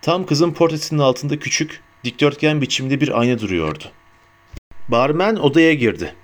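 Man reading an audiobook steadily. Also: a little high. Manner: measured, steady storytelling. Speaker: narrator. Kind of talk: audiobook narration.

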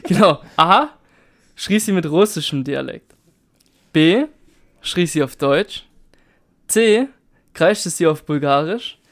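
A man's voice: on the high side, expressive, slow, pauses often, fairly bright tone. A man acting as quiz master on a podcast, reading questions aloud in a matter-of-fact, dry way.

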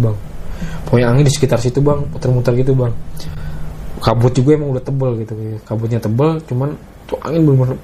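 A man's voice: mid-range voice, warm tone, slight background noise. A man casually telling a story to a host, retelling the dialogue and often calling the listener "Bang.". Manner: Jakarta slang.

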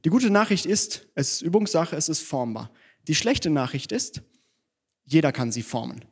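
A man's voice: on the high side, sing-song, moderate pace, husky. A man preaching a sermon in church, conversational and self-deprecating, mixing teaching with personal stories.

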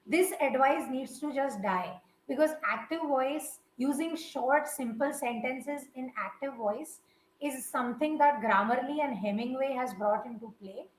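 A woman's voice: high voice, unhurried, echoey room, slight background noise, rough recording. A woman from India, hosting a casual chat and giving emphatic, opinionated takes. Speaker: host. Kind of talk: casual live-stream chat.

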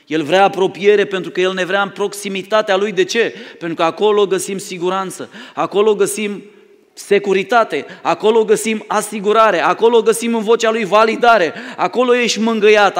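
A man preaching a sermon as pastor, telling stories dramatically and swinging from loud calls to hushed tones. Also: on the high side. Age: adult, married. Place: church hall. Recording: reverberant church hall.

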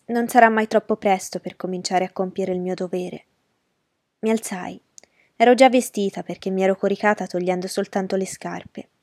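First-person heroine narrator, woman; measured, emotional delivery, warm tone, dry studio. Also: medium pitch, no room sound.

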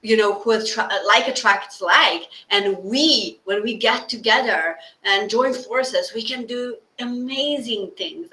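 A woman hosting a podcast, gushing and halting over her words. Her voice is bright and sharp, and it rings in an echoey room. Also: mid-range voice. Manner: effusive, halting with fillers. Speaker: podcast host. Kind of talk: interview hosting.

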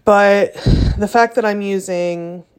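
A woman's voice: mid-range voice, fairly even intonation, slow pace, clean tone. A young adult woman hosting a casual solo podcast, chatty and loose, full of ums and likes, with little self-deprecating laughs. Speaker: podcast host.

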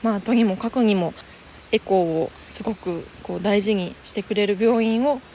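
Young woman chatting gently outdoors, lots of soft fillers, faint noise behind. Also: medium pitch, moderate pace. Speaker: podcast host. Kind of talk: casual solo radio talk. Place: outdoors in the mountains. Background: faint nature sounds.

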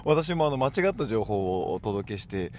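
A man's voice: on the low side, very animated, moderate pace, a little mellow, a little hiss or hum. A man with a Hokkaido accent hosting a casual solo podcast, chatting along and dropping in short affirmations. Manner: chatty, dotted with "hai" affirmations. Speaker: podcast host.

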